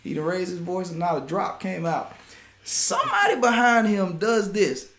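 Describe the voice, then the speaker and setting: A man delivers an informal sermon, high-pitched and highly animated, laughing between points. His voice rings in a roomy, echoey space. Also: normal speed. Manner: animated, laughs often, Southern US vernacular. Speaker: preacher.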